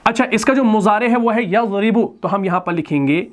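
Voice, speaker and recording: High-voiced man teaching a grammar lesson. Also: fairly quick, background noise. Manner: repeats key terms as questions to the students. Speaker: Quran and Arabic grammar teacher. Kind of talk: classroom lesson.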